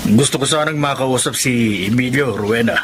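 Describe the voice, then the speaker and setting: A man's voice: medium pitch, moderate pace, loud music behind the voice, natural voice. A man playing a hesitant, stammering poor man. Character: struggling working-class man asking for help. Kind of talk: radio drama acting.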